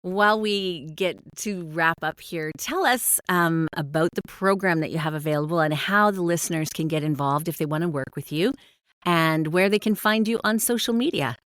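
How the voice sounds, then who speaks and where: A woman's voice: on the low side, normal speed, a bit bright, no room sound, studio quality. A woman hosting a podcast, affirming and friendly, with frequent small laughs. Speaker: podcast host. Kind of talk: podcast interview and outro.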